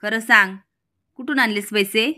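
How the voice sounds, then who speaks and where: A woman's voice: fairly high pitch, normal speed, pushed and bright. A woman voicing a humble, deferential middle-aged male servant who pleads politely. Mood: pleading.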